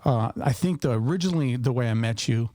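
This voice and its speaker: Mellow-voiced podcast host man. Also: medium pitch. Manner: halting, restarts, reads a sponsor shout-out. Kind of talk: casual interview.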